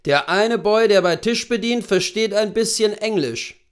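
A man reading a calm, curt professional hunter with a throaty voice. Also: high-pitched, measured pace, clear, resonant tone, pitched above the performer's own voice. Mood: cool, curt.

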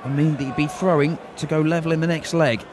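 A man commentating live on a darts match, calling the play with measured analysis. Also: fairly high pitch, steady tone. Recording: loud arena crowd and noise behind.

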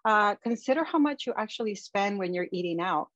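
A woman's voice: mid-range voice, expressive, fairly quick, fairly bright tone, no room sound. A woman presenting slides over a video call, giving practical tips in a conversational way with frequent ums. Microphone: video call webcam. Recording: dull, dry webcam audio.

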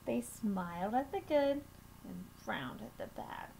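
Young female storytime reader, high voice, deliberate expressive delivery, slightly noisy webcam recording. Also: creaky. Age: young adult. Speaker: children's storytime reader at a school. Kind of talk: reading a picture book aloud to children. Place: small room at home, indoors.

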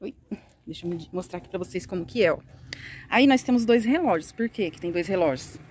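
A woman's voice: on the low side, lively intonation, fast, darkish tone, a little hiss or hum. A Brazilian woman with a Brazilian Portuguese accent, chatting casually to her phone camera as a vlogger, confiding, with many fillers and tag questions.

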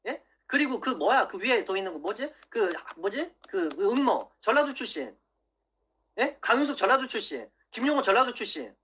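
A man's voice: sits high, very animated, moderate pace, sharp tone, slightly rough. A man in his thirties on a livestream, swearing angrily and lecturing his viewers, keeps asking "예?". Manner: profane, angry, keeps asking "예?". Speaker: political YouTuber. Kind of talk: livestream rant.

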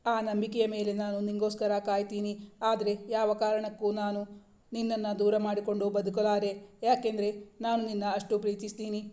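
A woman's voice: medium pitch, completely flat delivery, normal speed, warm tone, natural voice. Tender young husband, read by a woman.

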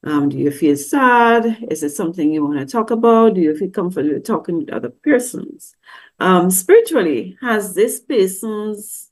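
Speaking at a moderate pace with lively intonation, this middle-aged woman has a mid-range voice and teaches with slides as a grief counselor for a church service. She's on a video call via webcam in an indoor room, chatting conversationally, asking many questions, and performing quoted voices.

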